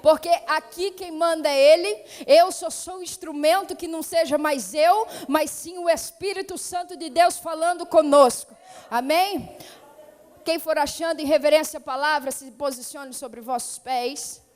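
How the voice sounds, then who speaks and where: A woman missionary preaches a Pentecostal sermon, her high voice carrying a São Paulo (paulista) accent from her home state in Brazil. At a moderate pace, her fervent delivery climbs from calm greetings to loud, urgent exhortation, echoing at length in a church hall.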